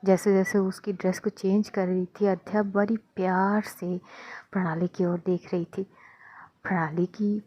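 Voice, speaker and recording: A woman narrating a love story casually in a breathy, half-whispered voice. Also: mid-range voice, slight background noise. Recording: dull lo-fi dry recording.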